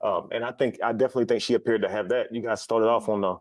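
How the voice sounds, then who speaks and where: A man's voice: lowish voice, steady tone, very fast, darkish tone, no echo. A man in an analytical conversation, reassuring and often checking that the listener agrees. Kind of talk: analytical conversation about dating.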